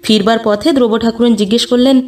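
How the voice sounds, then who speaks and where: Woman narrator for a classic story: high, slow, measured, distant mic with faint music. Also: fairly even intonation, darkish tone.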